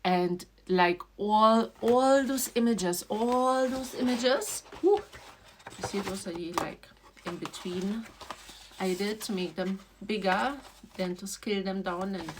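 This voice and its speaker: A woman from Trinidad and Tobago, a children's book author and illustrator talking in a casual vlog. She talks haltingly, often repeats and restarts phrases, and her voice drops soft and low. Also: slight background noise. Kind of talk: casual emotional vlog talk.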